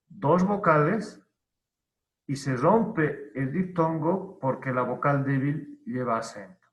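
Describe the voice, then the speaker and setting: A male teacher giving an online grammar lesson, who explains deliberately, repeats key terms and asks and answers his own questions. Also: mid-range voice. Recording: roomy, dull lo-fi online class audio.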